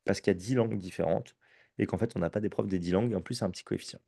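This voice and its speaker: A man with a French accent walks an audience through entrance exams in a relaxed, chatty tone, regularly checking that everyone is following. His voice is mellow and warm, recorded dry and up close. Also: sits low, very fast, creaky, slightly rough, no echo. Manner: conversational, addresses audience with frequent "ok?" and restarts. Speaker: prep school teacher presenting exams. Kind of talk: live conference presentation.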